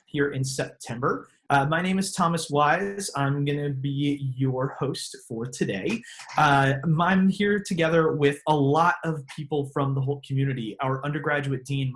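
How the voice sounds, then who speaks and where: A man hosting an online open house on a video call, reading scripted introductions with small slips. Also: mid-range voice. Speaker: host. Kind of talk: webinar hosting.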